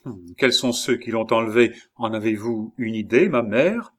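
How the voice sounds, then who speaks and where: A man voicing an agitated, vengeful young king who speaks loudly and insistently, sometimes pleading, in a dramatized audiobook reading. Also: mid-range voice, normal speed, lightly acted. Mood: uneasy.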